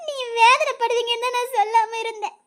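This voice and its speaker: An actress playing a young wife in a family drama, speaking Tamil with a Tirunelveli accent, tearful and hesitant, often sobbing between words. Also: female voice, extremely high pitch, fairly quick. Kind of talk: web series family drama.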